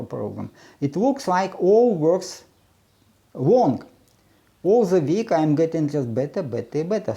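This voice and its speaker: Halting, gravelly-voiced man. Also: fairly high pitch, warm tone. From Ukraine. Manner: halting, with many restarts and filler sounds, blunt and opinionated. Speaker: presenter of a self-run research project. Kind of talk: casual unscripted monologue.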